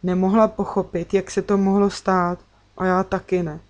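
Woman narrator for a children's audiobook, expressive first-person read. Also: medium pitch, muffled recording.

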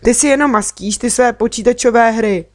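A woman's voice: fairly high pitch, darkish tone, no echo, studio quality, voice pushed up, lightly acted. A woman reading a storybook, voicing an anxious, tearful little boy who talks in sobs. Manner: sobbing, pleading.

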